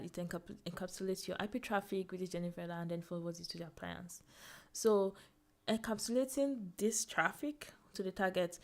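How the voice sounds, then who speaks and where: A young woman explaining networking as a tutorial host, thinking aloud with fillers, restarts and small laughs at herself. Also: fairly low pitch. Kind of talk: casual screen-share walkthrough.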